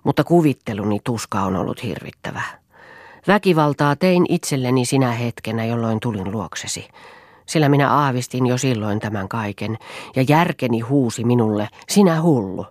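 A woman's voice: a bass voice, a little mellow, no room sound, studio quality. A woman reading the lines of a brooding, melancholy young woman in an audiobook, with earnest, sorrowful delivery. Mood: sorrowful, bitter.

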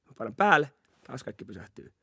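A young man hosting a podcast tells a story in casual chat, animated and laughing as he acts out what people said. His mid-range voice is gravelly and husky, recorded with clean studio sound and no echo.

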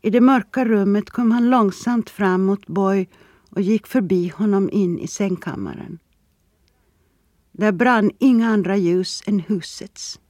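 An audiobook narrator reading fiction in an even, steady way, mid-pitched for the voice. The sound is close and dry, with no room behind it. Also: no echo. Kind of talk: scripted narration.

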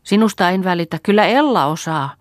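A woman reading an audiobook, voicing a young woman gone mad in the forest, talking in frantic, excited bursts. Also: fairly low pitch, no echo, clean studio sound, pitched above the performer's own voice, close to an everyday voice.

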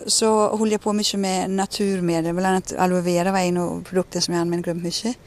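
A woman, telling personal stories in a radio conversation and acting out the dialogue she quotes. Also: medium pitch. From Ostrobothnia, Finland. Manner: animated, acts out quoted dialogue. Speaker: interviewee.

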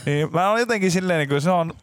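Animated man telling stories on a podcast. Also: sits high. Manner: animated, exaggerated storytelling with loud exclamations. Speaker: podcast host. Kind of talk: casual chat.

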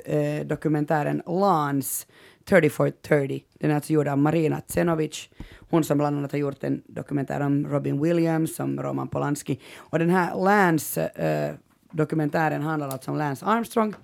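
A Finland-Swedish woman hosting a podcast, telling a story in a lively way and acting out what people said. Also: low voice, gravelly. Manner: lively storyteller, retells scenes with animated quoted outbursts. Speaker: podcast host. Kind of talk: casual chat.

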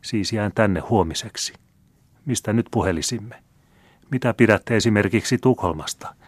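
A man's voice: on the low side, breathy edge, dry recording, voice pushed up. A man reading as a teasing French marquise. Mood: playful teasing.

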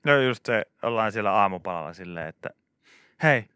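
A man's voice: fairly low pitch, pushed and bright, smooth, no room sound, clean studio sound. A man hosting a morning radio show, bantering casually and teasing his co-host with bursts of laughter. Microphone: studio microphone.

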